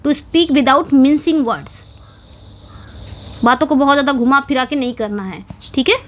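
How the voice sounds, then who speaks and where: Speaking at a measured pace in a high voice, a woman guides her students through English exam preparation step by step. She checks in frequently with "ठीक है" and "समझ में आ गया".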